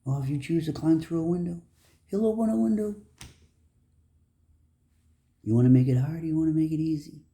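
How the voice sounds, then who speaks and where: Gravelly dark-voiced man preaching love. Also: a little high, expressive, moderate pace, long pauses. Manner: earnest, preachy, swings between emphatic and soft. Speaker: motivational speaker. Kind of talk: motivational monologue.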